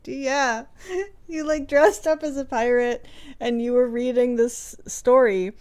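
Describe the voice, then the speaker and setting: A woman's voice: fairly high pitch, fairly even intonation, measured pace, darkish tone, clear, resonant tone. A woman co-hosting a casual podcast chat with a friend. She is chatty, laughs often and trails off mid-sentence. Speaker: podcast co-host.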